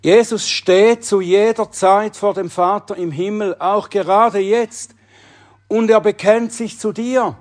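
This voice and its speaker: Slow, earnest high-voiced male preacher. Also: fairly even intonation. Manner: earnest, emphatic delivery with dramatic drops to a hush. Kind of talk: sermon.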